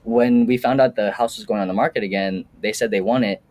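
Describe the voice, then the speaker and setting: Man, young adult, lowish pitch, casual podcast guest, rambling fillers. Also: steady tone, fairly quick, a little mellow. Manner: rambling, restarts, many "like"s. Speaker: podcast guest, new real estate agent. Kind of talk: casual chat.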